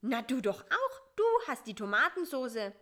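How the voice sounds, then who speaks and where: A woman voicing a bossy, sharp-tongued little male fly in a read-aloud children's story, talking in a quick, shrill, scolding way. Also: big pitch swings, exaggerated voice. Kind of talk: storybook reading.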